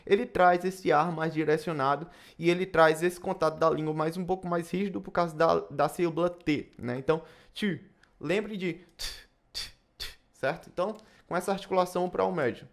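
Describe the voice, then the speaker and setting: A man's voice: a little high, steady tone, a little fast, hardly any pauses. Brazilian man teaching saxophone. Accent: Brazilian Portuguese. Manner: casual, tag questions after phrases. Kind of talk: instructional video lesson.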